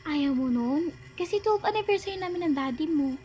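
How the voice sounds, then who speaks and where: A gentle, doting mother placates her angry daughter in a high, soft voice, voiced by a woman. It is a casual doll-game role-play with faint ambience behind. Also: expressive, a little fast, slight background noise. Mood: soothing. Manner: soothing, placating.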